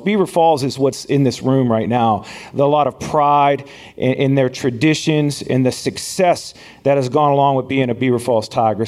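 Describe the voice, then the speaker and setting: A man's voice: medium pitch, darkish tone. A man, a football coach, giving an earnest thank-you speech at a banquet with some repeated words.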